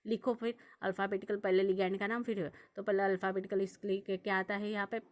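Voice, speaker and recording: A woman's voice: mid-range voice, level tone, quick pace, darkish tone. A young woman teaching a chemistry lesson, working through examples and asking her students questions as she explains. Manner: repetitive, checks understanding with questions. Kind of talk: classroom lesson explaining on a board.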